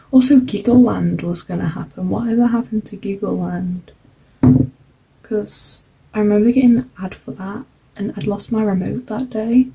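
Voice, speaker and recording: A woman's voice: mid-range voice, creaky, dark tone, a little hiss or hum, poor audio. A young woman chatting casually while crafting for a vlog, rambling with lots of fillers. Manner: rambling, self-interrupting, uses "like" and "um" a lot. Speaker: craft vlogger.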